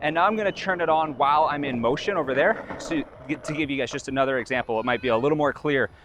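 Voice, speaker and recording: A man's voice: a little high, fast talker. Give me a man on a lapel mic whose voice carries noise reduction artifacts outdoors. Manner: rambling, friendly explanations with restarts. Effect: noise reduction artifacts from the mic's noise cancellation. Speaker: tech reviewer testing wireless mics. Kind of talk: casual vlog demonstration. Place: outdoor skate park. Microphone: wireless lapel mic on a body pack.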